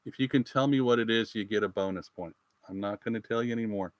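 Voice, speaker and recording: A man's voice: fairly low pitch, fast, dry recording, dull audio. A man from the United States hosting a live Q&A, answering viewers in a folksy, rambling, chatty way from his rural home. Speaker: channel host answering viewer questions. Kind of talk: live-stream Q&A chat.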